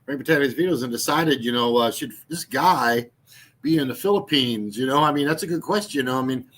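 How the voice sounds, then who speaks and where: A man in his sixties runs a YouTube channel and talks there in a meandering, casual way, his mid-range voice a little fast with a fairly bright tone. Fillers and restarts abound as he mocks things and laughs along at his jokes.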